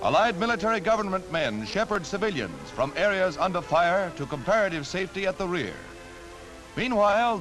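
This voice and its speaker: A man's voice: sits high, fairly bright tone, low-quality recording. An American man narrating a scripted 1940s wartime newsreel in a declamatory, dramatic old newsreel delivery on a vintage soundtrack.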